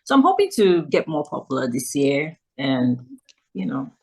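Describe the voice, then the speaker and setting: Cheerful woman musician, lowish voice. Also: sing-song, moderate pace, gravelly, husky. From Nigeria. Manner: cheerful, laughs often. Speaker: guest musician. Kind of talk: casual interview chat.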